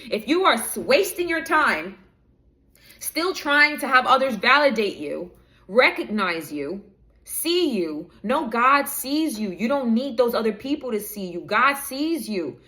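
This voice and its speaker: A woman's voice: on the high side, big pitch swings, unhurried, sharp tone. A woman giving a preachy spiritual reading straight to her viewers, rambling and losing track of her notes as she goes. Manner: preachy, direct address to viewers; rambling, loses her notes mid-talk. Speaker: spiritual reader. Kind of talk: inspirational reading to camera.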